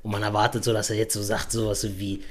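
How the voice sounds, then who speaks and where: Young man telling a lively story. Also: lowish voice, fast talker, a little hiss or hum. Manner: animated storyteller with youthful slang and many filler tags. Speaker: podcast host. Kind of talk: casual storytelling chat.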